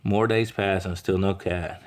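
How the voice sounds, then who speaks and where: A deep-voiced man reads a children's picture book aloud. He now and then stumbles and restarts over words as he goes. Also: fairly even intonation, a little slow. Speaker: reader.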